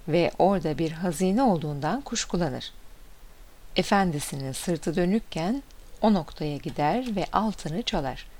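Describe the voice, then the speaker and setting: A woman reading short fables and wise sayings aloud in a steady, expressive manner. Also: mid-range voice. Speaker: storyteller.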